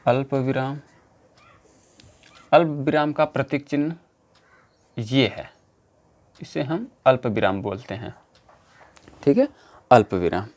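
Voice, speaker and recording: A man teaches an exam-prep grammar lesson in a voice of ordinary pitch. He talks slowly and patiently, repeating each key term several times and explaining step by step. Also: animated, a little mellow. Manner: slow, repetitive, explaining step by step.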